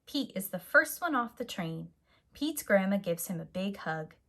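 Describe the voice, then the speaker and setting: With a mid-range voice and a little hiss or hum in the recording, a woman teacher reads a picture book aloud for young children, deliberate and animated.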